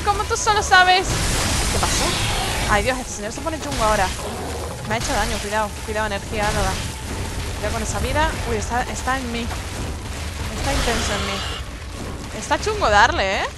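A young woman streaming a video game, chatting with viewers and her partner and yelping in panic when enemies attack. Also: on the high side. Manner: excitable, yelps and shrieks in panic during fights. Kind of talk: live gameplay commentary.

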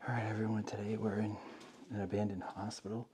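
A man with a low, fairly monotone voice walks through an abandoned hospital and narrates what he finds. He talks casually and hesitantly, with plenty of ums and likes. The handheld recording carries a steady hiss of noise. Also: fast talker. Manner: casual, hesitant, pointing things out with fillers. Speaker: urban explorer vlogger. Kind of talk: walkthrough narration.

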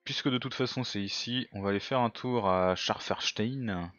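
A man's voice: mid-range voice, fairly quick, fairly bright tone, smooth, no echo, lo-fi sound. A man casually commenting on a game he is playing, thinking aloud and muttering to himself, now and then mocking his own moves. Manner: self-mocking. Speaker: let's play gamer.

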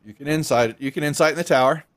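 A middle-aged man narrating a tabletop game as game master in a casual, halting, conversational way. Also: on the high side.

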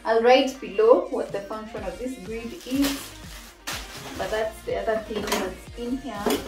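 A woman's voice: a little high, measured pace. A young woman from Tanzania casually reviewing a kitchen appliance at home, chatting and thinking aloud as she shows each part. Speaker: cooking vlogger. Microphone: camera mic from a few feet away. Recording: roomy kitchen sound, mic at a distance. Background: background music.

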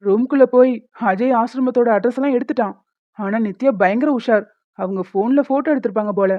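A woman voicing a young cartoon husband who bickers and protests loudly. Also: fairly high pitch, a little fast, no room sound, lightly acted. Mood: subdued. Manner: loud protesting outbursts. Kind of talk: Tamil cartoon dubbing. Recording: tinny phone-like, dry.

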